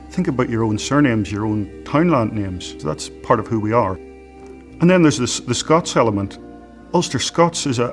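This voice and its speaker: Man, enthusiastic, explanatory, mid pitch, soft music. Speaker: interviewee. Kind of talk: documentary interview.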